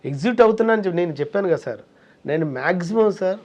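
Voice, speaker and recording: Male comic guest, quick and a little high-pitched, telling anecdotes in character voices. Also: lively intonation, darkish tone, dull audio. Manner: tells stories acting out quoted voices. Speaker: interview guest, comedian and mimicry artist. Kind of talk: casual interview talk.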